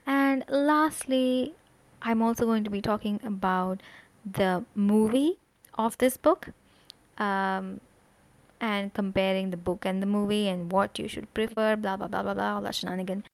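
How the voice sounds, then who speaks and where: A woman hosts a casual solo podcast, chatting animatedly about a book with lots of fillers and asides. Her mid-range voice is unhurried and free of echo, and Korean is not her first language.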